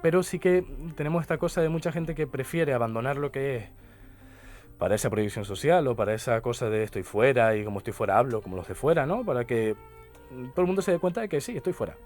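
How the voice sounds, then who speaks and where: A man's voice: mid-range voice, lively intonation, fast, darkish tone. A young man with a Canarian accent, a linguist and poet talking as a radio guest, explaining at length and often adding tag questions. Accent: Canarian Spanish. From Canary Islands. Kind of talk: radio interview conversation. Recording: radio studio with faint music behind.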